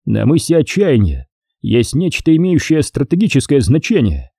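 Narrator voicing a blunt commanding general, dark husky voice, lively delivery, audiobook. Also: male voice, medium pitch, moderate pace, dry recording, studio quality, voice pushed up, heavily acted. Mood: stern.

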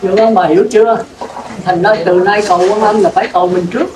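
A man's voice: high-pitched, steady tone, fast. A Buddhist monk giving a sermon in a plain-spoken way, putting questions to his listeners. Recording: roomy, distant mic with clear noise.

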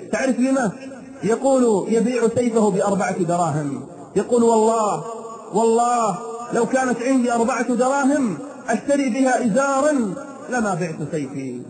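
A man's voice: high voice, rough recording. A man preaching a sermon to an audience, telling stories dramatically with emotional emphasis.

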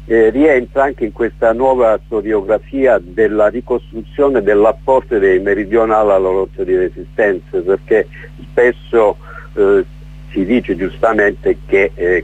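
A middle-aged author from Calabria, in southern Italy, appears as a guest in a radio interview, speaking hesitantly with many fillers and restarts. His voice is fairly low, darkish and husky, heard through a muffled lo-fi radio broadcast.

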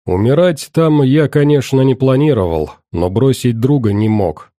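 A man narrating a story in the first person in a grim, measured way. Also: mid-range voice, warm tone, no echo, studio quality. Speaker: audiobook narrator.

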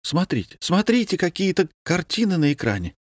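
A man reading a story, voicing a quick-tongued young woman who exclaims and teases. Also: a little high, animated, a little mellow, dry recording, studio quality, voice pushed up, lightly acted. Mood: lively. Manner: exclaiming, teasing.

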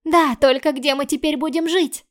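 A woman's voice: high-pitched, fairly even intonation, normal speed, pitched above the performer's own voice, lightly acted. A woman voicing a frightened young girl who protects her older sister and speaks urgently and pleadingly, in an audiobook. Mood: anxious pleading.

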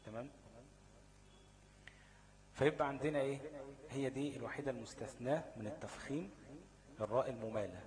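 A man's voice: mid-range voice, low-quality recording. Give me a man with an Egyptian accent teaching recitation rules, stopping often to check his listeners understand. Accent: Egyptian Arabic. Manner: repeats key words as questions to the listener. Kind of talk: tajweed lesson explanation.

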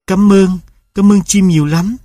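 Guy reading a blind young man, humble and tender, a bit higher than his normal voice, dry. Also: fairly even intonation, a little slow, mellow, dry recording.

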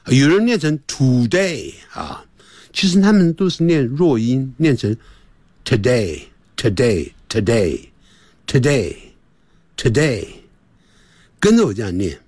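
A man giving a radio English lesson, repeating short phrases over and over and slowing right down to model the sounds. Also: mid-range voice, a little mellow, husky, no room sound. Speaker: English teacher.

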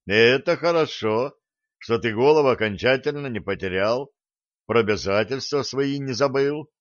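A man reading an audiobook, voicing a calm, authoritative ship captain in a measured way. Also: mid-range voice, no echo, lo-fi sound, close to an everyday voice. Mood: firm.

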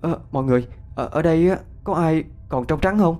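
A man voices a quiet young friend in a ghost story who knows about spirits, speaking hesitantly and raised well above his own pitch. He, with faint music in the background. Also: a little fast, lightly acted. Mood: serious.

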